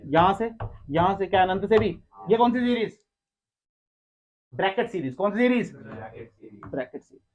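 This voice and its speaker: Man, physics teacher, high voice, classroom lecture, quizzing and teasing students, muffled lo-fi sound. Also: expressive, moderate pace, long pauses, darkish tone. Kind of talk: classroom lecture with call-and-response.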